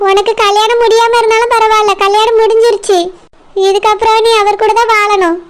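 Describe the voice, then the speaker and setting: A caring young village woman from a cartoon, voiced by a woman, with a Kanyakumari Tamil accent. She speaks in a gentle, comforting way. Her voice is pitched very high. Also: flat delivery, brisk.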